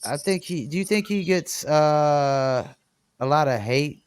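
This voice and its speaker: A man hosting a podcast interview, talking in a casual, animated, slangy way. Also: a little high, a little slow, smooth, dry recording. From North Carolina, USA. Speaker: podcast host.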